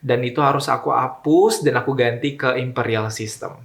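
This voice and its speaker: A young man from Indonesia talks through a casual home vlog, chatty and slangy, sprinkling in English words and hesitating now and then. His voice sits at an ordinary middle pitch. The room around him rings with a noticeable echo. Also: normal speed, gravelly. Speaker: vlogger. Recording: roomy echoey room.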